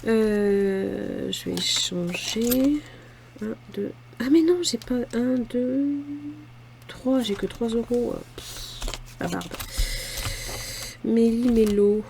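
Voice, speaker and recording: A woman's voice: a little high, slow, vocal fry, mellow, slight background noise. A woman in her forties with a southern French accent, chatting casually about her budget challenges and muttering little asides as she sorts her cash. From France. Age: 40s. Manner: chatty, self-deprecating, muttering asides while handling cash. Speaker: budgeting vlogger. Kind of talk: casual talk to camera while filling savings challenges.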